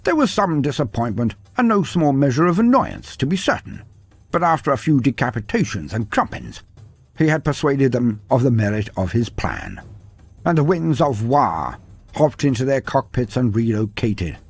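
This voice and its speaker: Over background music, a male fantasy lore narrator delivers dramatic, grandiose scripted storytelling. His voice is medium-pitched and husky, with a sing-song lilt and a moderate pace.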